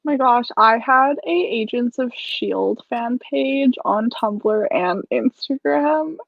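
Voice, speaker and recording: High woman's voice, dry dull audio. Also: animated, slow pace, creaky, no echo. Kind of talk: casual group chat.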